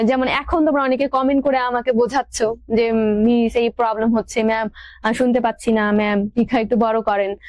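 Young female teacher, higher voice, dry close sound, patient and repetitive, online class. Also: no echo. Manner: explains patiently with many fillers and repeated examples.

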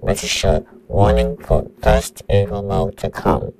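A man's voice: fairly low pitch, steady tone, measured pace, a little mellow, a little hiss or hum, natural voice, low-quality recording. A synthetic male voice playing a menacing computer virus that announces countdowns in a robotic tone.

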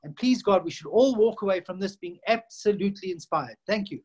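A rabbi opens the event with an earnest formal welcome, stumbling over a word here and there. His voice sits high for a man. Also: lively intonation, brisk, a little mellow, husky, rough recording.

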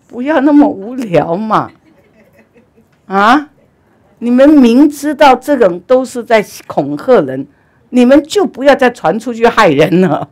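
A woman Buddhist teacher giving a dharma talk, telling stories animatedly, with loud urging and quiet asides. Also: mid-range voice.

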